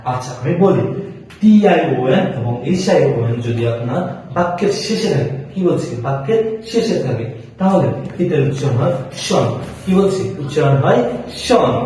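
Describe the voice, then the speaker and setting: A man's voice: fairly high pitch, expressive, moderate pace, mellow, very echoey, distant mic, slight background noise, poor audio. A man teaching spoken English pronunciation. He spells words out letter by letter and answers his own questions. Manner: repeats answers in call-and-response questions. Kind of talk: classroom lesson.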